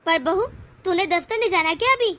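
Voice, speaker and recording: A woman's voice: very high voice, a little fast, pushed and bright. A woman voicing an old, bossy mother-in-law in a cartoon, giving orders and scolding. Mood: commanding. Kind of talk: cartoon voice acting.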